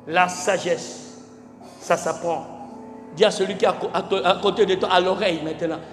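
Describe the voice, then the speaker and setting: Very high-voiced man preaching in echoing hall. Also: steady tone, moderate pace. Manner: emphatic preaching, swinging from shouts to near-quiet; spells out words letter by letter, asks the congregation questions. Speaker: pastor. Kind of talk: sermon. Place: large church hall. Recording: echoey church hall with faint music.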